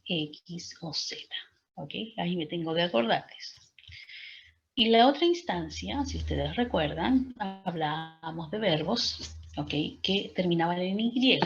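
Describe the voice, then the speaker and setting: Teacher lady, talks slow, keeps asking "ok?", muffled lo-fi sound. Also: fairly low pitch, creaky. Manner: patient, explains step by step with frequent "¿cierto?" and "¿ok?" checks. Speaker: English teacher. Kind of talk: online class lecture.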